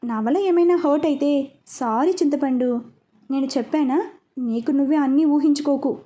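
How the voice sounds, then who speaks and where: A woman's voice: sits high, moderate pace, warm tone, lightly acted. A woman voicing a playful young man in love, teasing his girlfriend in a read-aloud story.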